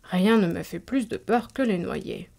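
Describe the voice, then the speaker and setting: A woman voicing an old, haughty and capricious countess in a storybook reading, giving drawn-out commands. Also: mid-range voice, creaky, darkish tone. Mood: imperious.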